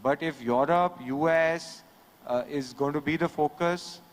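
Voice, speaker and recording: A man, answering a panel question in a measured, explanatory way on a conference stage. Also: fairly high pitch. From India. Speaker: industry panelist. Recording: reverberant conference hall.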